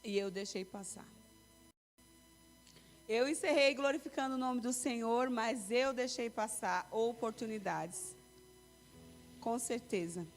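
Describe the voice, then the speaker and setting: A woman with a fairly high voice gives a testimony during a church service. She tells her story in a lively way and acts out the voices of the people she quotes. Her voice rings out with a long reverb from the church hall, and soft music plays underneath. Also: takes it slowly, pauses often. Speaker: church speaker giving testimony. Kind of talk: sermon testimony.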